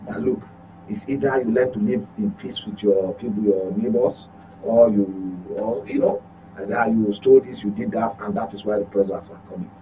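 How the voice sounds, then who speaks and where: A journalist with a Nigerian accent offers political commentary on a talk show, his fairly low, warm voice at a moderate pace. He speaks emphatically, often repeating and correcting himself. Electrical hum makes the recording clearly noisy.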